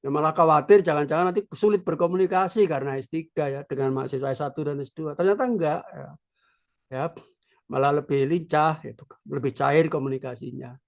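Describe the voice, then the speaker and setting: A man in his sixties, a philosophy professor, giving an informal lecture in a slow, reflective way with many filler words. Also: fairly high pitch, gravelly. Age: 60s. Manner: unhurried, reflective, with frequent filler "ya".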